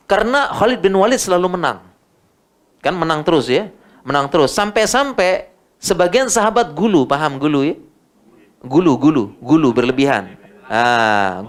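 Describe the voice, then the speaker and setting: A middle-aged man with an Indonesian accent giving an informal religious lecture and answering audience questions, animated and repeating words for emphasis. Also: on the high side.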